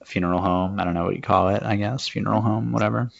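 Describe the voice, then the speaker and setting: A man co-hosting a podcast in casual chat, thoughtful and halting, often repeating words as he goes. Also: lowish voice, steady tone, vocal fry, dry recording, highs cut off. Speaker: podcast co-host.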